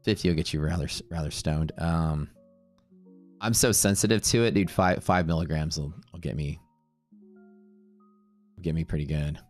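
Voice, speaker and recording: A man's voice: a bass voice, normal speed, long pauses, a little mellow, soft background music. A man hosting a live trading stream, talking casually and rambling, laughing often.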